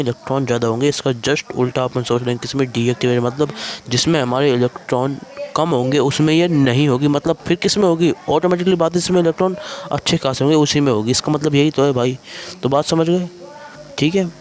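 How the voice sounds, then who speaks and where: A man's voice: medium pitch, a little mellow. A man teaching chemistry in a casual exam-prep lecture, constantly checking in with "thik hai bhai" and coaxing students along.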